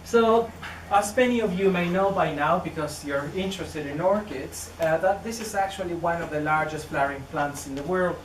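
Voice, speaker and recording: An orchid researcher in his thirties, a native Spanish speaker with a Chilean Spanish accent, delivers a public lecture at an indoor venue near a greenhouse. His fairly high voice moves at a moderate pace with few pauses, though he is hesitant, using many fillers and restarts. The distant recording is roomy and noisy.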